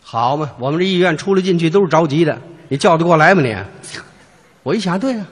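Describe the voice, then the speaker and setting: A man's voice: a little high, expressive, quick pace, slightly rough. A man performing crosstalk comedy, telling a story as a taxi driver. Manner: storytelling, playing a cab driver. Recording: reverberant hall.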